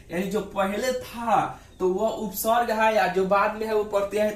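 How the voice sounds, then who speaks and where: A male teacher explaining a grammar lesson, asking rhetorical questions and repeating himself. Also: high voice. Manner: repeats "ठीक है" and rhetorical questions, drawls words out slowly. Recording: roomy, distant from the mic.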